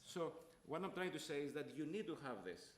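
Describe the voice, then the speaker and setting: A man's voice: fairly high pitch, big pitch swings, a little fast. Greek-born man on an echoey panel. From Greece. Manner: earnest, repeats points for emphasis. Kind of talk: panel discussion.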